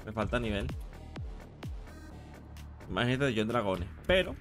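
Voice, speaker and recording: Speaking unhurriedly over faint background music, this game streamer has a fairly low yet slightly bright voice and a very animated delivery. He has a Latin American Spanish accent and chats casually on his live stream, slangy and informal, with the occasional swear.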